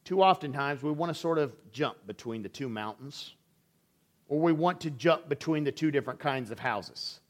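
A man's voice: a little high, expressive, normal speed. A man preaching a sermon in a church as an elder, telling stories and acting out family conversations. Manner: storytelling, acts out family dialogue.

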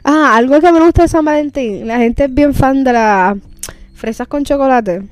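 High-voiced Puerto Rican woman chatting in Spanglish. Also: normal speed, no room sound, faint music behind. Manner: Spanglish, dropping English words into Spanish. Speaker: podcast co-host. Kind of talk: casual chat.

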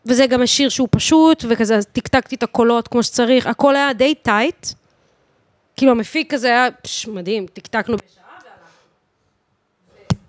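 Speaking a little high with no echo, this podcast guest is a singer, DJ and voice teacher, thirty-one, with an Israeli accent. She keeps it casual and lively, leaning on emphasis, slang and the odd English curse word.

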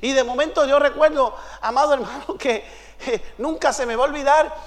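A man preaching a lively sermon, telling stories and at times shouting praise. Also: very high voice, a little fast. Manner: storytelling, swings into shouts and song. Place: church. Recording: long reverb of a church hall.

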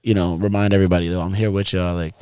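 Casual New York man, animated raconteur, dead-dry close mic. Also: deep voice, rapid-fire, clear, resonant tone, no echo. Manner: animated storyteller, acts out his own lines and others'. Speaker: podcast guest, DJ and producer. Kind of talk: casual chat.

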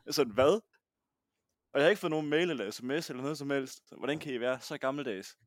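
A man's voice: medium pitch, no room sound, clean studio sound. A young man co-hosting a podcast in casual, informal talk peppered with swearing. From Jutland, Denmark. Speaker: podcast co-host. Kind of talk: casual chat.

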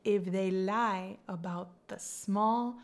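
A young woman co-hosts a casual podcast chat, giving advice in an emphatic way. She leans on "like" a lot, and her voice sits at an ordinary middle pitch. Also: steady tone, slow pace. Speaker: podcast co-host.

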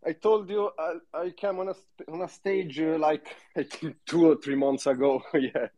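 A man with an Italian accent, a guest in a casual live audio chat, who laughs often and speaks in a halting way. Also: on the high side, steady tone, dark tone, highs cut off. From Italy.

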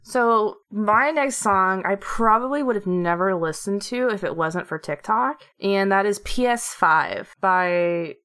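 A woman's voice: mid-range voice, animated, unhurried, hardly any pauses, fairly bright tone. A young woman co-hosting a podcast in casual chat, rambling and laughing often. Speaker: podcast co-host.

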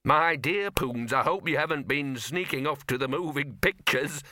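A man's voice: on the high side, normal speed, sharp tone, no echo, clean studio sound, pitched above the performer's own voice. A man reading a story, voicing a stuffy, pompous male dean of a wizards' college. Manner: pompous, lecturing.

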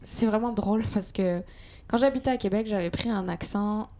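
A French woman whose accent has a light Quebec touch, co-hosting a casual panel chat and telling animated stories at a quick clip. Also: medium pitch. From France.

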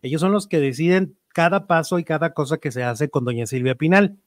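Brief: man, gossip commentator, somewhat high voice, dry close recording, opinionated chatter. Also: a little fast, no echo. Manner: talkative, opinionated, many fillers. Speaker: entertainment news commentator. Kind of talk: casual gossip chat.

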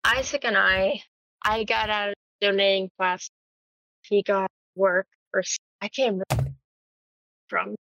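Woman co-host, gravelly and unhurried, blunt; her mic drops out so her word endings get chopped. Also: medium pitch, steady tone, fairly bright tone, muffled recording, slight background noise. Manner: blunt, swears freely. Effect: choppy audio, mic cutting out mid-word. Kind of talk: casual chat.

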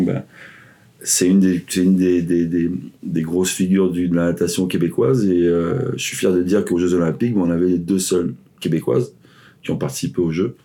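This low-pitched, dark-toned voice belongs to a man in his forties who grew up in the Ivory Coast and Paris. Appearing as a guest in a relaxed interview chat, the swim coach recounts his story, rambling and often restarting amid many fillers.

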